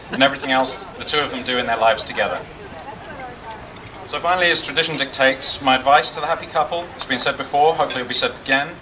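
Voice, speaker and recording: Man, wedding toast speech, mid-pitched voice, dry jokey delivery, noisy room with guests. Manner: jokey, dry self-deprecating humor. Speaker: best man. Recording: distant mic in noisy crowded room. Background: crowd noise and guests.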